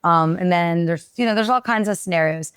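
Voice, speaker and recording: A woman's voice: on the low side, a little fast, clean tone, dry recording, clean studio sound. A woman co-hosting a podcast in casual chat, frank and full of questions. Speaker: podcast co-host.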